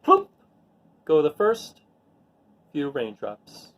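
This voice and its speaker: A man with a fairly high voice reads picture books to children at an extremely slow pace. He hams up the sound words and, between pages, chats simply with his young audience in an animated, child-friendly way.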